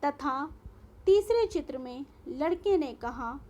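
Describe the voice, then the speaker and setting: A woman's voice: sits high, expressive, slow pace, dark tone. A woman teacher giving a recorded school lesson, explaining carefully and spelling out sounds one by one.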